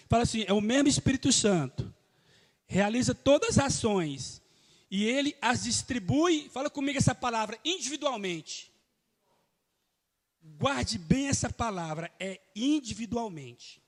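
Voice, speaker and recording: Pastor guy preaching hard to the church, high voice, lots of hall reverb. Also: expressive, moderate pace. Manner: emphatic, calls out to the congregation. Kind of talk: live church sermon.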